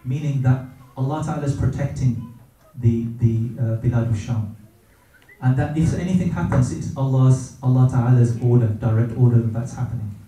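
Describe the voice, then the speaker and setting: Dark, mellow man in an echoey room. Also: mid-range voice. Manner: gentle, reverent, hesitant with many pauses and fillers. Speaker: speaker sharing personal experience. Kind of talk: reflective religious talk. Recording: very echoey room, distant from mic.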